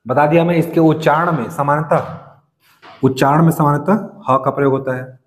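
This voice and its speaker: A male teacher with a Chhattisgarh Hindi accent lectures in a coaching classroom, his fairly high voice asking the class questions and answering them himself. The sound trails off in a long reverb around the room. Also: fairly even intonation, a little fast.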